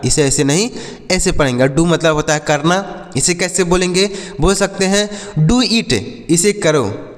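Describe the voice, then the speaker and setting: Slow patient man teaching. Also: a little high. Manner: slow, patient, spells and repeats each word. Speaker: English teacher. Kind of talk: spoken-English lesson. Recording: long hall reverb.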